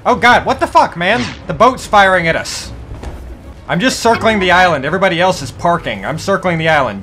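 A man hosting a gameplay video, talking casually with lots of jokes and swearing and the odd bit of pirate slang. His voice sits a touch high and swings freely in pitch. The tone is bright and forward. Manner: joking, profane, slips into pirate talk. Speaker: gaming video host.

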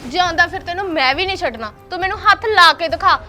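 A woman's voice: very high-pitched, quick pace, soft background music, heavily acted. A woman acting a fed-up young wife who works as a housemaid and scolds her husband in a short drama film. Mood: angry, defiant. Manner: sharp-tongued, scolding, taunting.

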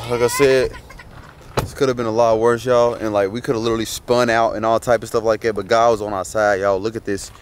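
Young man, casual vlog, quick talker, talks straight to viewers, faint outdoor noise. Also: lowish voice, steady tone, gravelly. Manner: fast, talks straight to viewers, calls them y'all. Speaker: vlogger.

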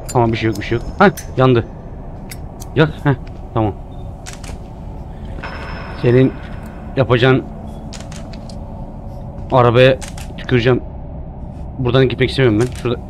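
A man streams a horror game, talking through it live at a middle pitch. He jokes, startles easily and curses at the game as he plays. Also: a little hiss or hum. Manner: jumpy, jokey, cursing at the game. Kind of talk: live gameplay commentary.

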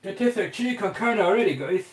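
A cooking vlogger with a slight Irish accent chats to viewers as he cooks in his small home kitchen, calling them "guys" and filling his talk with fillers. His voice is high, expressive and fast.

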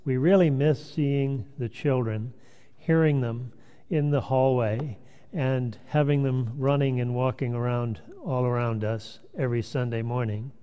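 A middle-aged male minister telling a family story in a gentle, measured sermon, recorded in a church sanctuary. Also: mid-range voice, steady tone, muffled recording. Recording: long hall reverb, church sanctuary.

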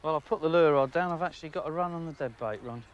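A middle-aged man giving outdoor fishing commentary from a lakeside jetty, excitable, laughing often and talking to the fish. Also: on the high side, fast, lo-fi sound. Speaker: angling presenter.

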